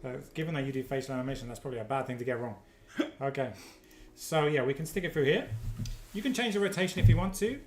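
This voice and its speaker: A man's voice: medium pitch, fast. Chatty man, roomy echo. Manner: joking, chatty, upbeat. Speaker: company presenter on a livestream. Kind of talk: casual livestream product demo.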